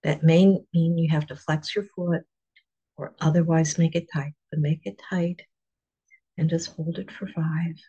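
A relaxation guide leading a guided muscle relaxation in a soft, calm, partly whispered voice, counting slowly to five between steps. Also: medium pitch, breathy edge, muffled recording.

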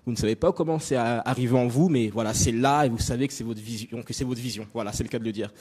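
A man's voice: mid-range voice, fast, darkish tone, breathy edge. A young adult man from France giving a personal talk to an audience, direct and chatty with many fillers. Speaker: invited speaker. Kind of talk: conference talk on stage.

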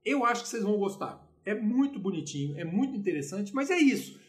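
A man from Brazil giving an informal music lesson, retelling the story in a lively way and acting out the quotes. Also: sits high, fast. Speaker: music lecturer.

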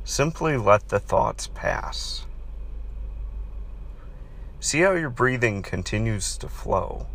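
A man with a fairly low voice and plenty of vocal fry guides a meditation. His delivery is calm and very slow, like a counselor reading instructions to soothe a listener. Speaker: podcast host and counselor leading guided meditation. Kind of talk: guided meditation, read aloud.

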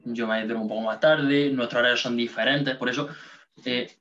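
A late-teen man talks quickly and earnestly, handing out advice and dropping the odd curse. His voice sits at an everyday pitch and comes through dull and lo-fi. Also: fairly even intonation, a bit bright. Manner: earnest, advice-giving, swears casually. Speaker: podcast co-host. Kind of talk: casual chat. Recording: dull lo-fi sound.

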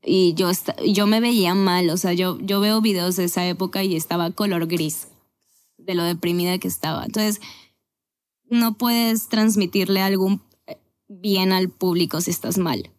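A woman in her twenties from Venezuela, a podcast guest talking candidly and casually about her life, with quick self-corrections. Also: fairly low pitch, fairly even intonation. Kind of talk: casual conversational storytelling.

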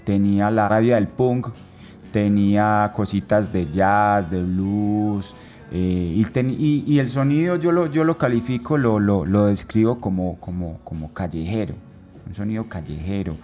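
A man talking casually, often repeating and restarting words, with relaxed local slang. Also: fairly low pitch, unhurried, soft background music. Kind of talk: casual chat.

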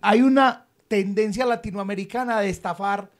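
A man's voice: sits high, normal speed. A young man, co-hosting a casual chat and telling stories, acting out the people he quotes. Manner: storytelling, animated, acts out quoted voices. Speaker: podcast co-host.

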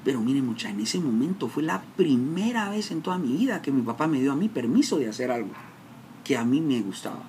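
A man's voice: medium pitch, very animated, a little fast, a little mellow, a little hiss or hum. A man from Guatemala with a Guatemalan accent, telling his life story in an emotional, dramatic way, often breaking off and restarting. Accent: Guatemalan Spanish. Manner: emotional, self-interrupting, dramatic retelling. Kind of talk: personal storytelling talk.

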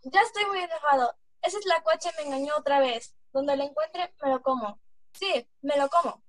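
A woman's voice: high-pitched, normal speed, a bit bright, no room sound. A woman with a Mexican accent voicing a hungry, gullible, hot-tempered male coyote in an amateur folk-tale reading, blustering and sometimes stumbling over lines. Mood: angry. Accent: Mexican Spanish. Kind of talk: amateur read-aloud folk tale acting.

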